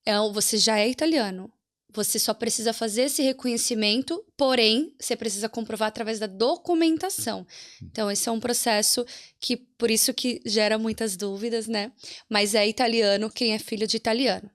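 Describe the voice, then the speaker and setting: A woman's voice: on the high side, brisk. A woman with a Brazilian Portuguese accent, a guest consultant patiently explaining a process step by step in an interview.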